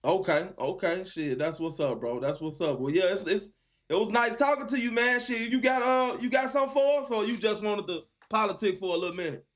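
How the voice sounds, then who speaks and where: Chatting with a caller on his live call-in stream, the host talks in a high voice at a slightly fast clip. He's casual, encouraging, and slangy, repeating phrases to drive points home.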